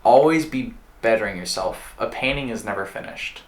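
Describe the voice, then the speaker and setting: A young man, a recent high school graduate, chatting as a podcast guest in a joking, sarcastic way. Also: normal speed. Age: young adult. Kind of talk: casual chat. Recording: echoey room.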